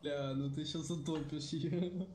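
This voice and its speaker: A man's voice: a little high, fairly even intonation, unhurried, dark tone. A young man bantering casually in a game voice chat, swearing heavily. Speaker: gamer in a team. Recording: roomy echo with background noise.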